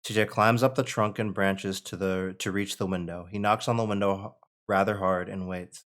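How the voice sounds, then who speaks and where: At a screenplay table read, a man with a fairly low, fairly bright voice serves as narrator, reading scene headings and stage directions aloud. His intonation is fairly even and his pace moderate.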